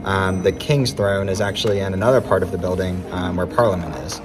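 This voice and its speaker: A man's voice: low voice, fairly quick. Chatty man vlogging with music behind. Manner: chatty, many ums, relaxed recounting. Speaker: travel vlogger. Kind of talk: casual travel vlog recap. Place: inside an ornate palace room, later outdoors in snow. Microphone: phone held at arm's length, selfie framing.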